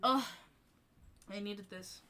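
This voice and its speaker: A woman's voice: medium pitch, slow, pushed and bright, a little hiss or hum. A young woman streaming live, chatting casually in a bubbly, rambling way with lots of laughter and fillers. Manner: bubbly, giggly, rambling with many ums.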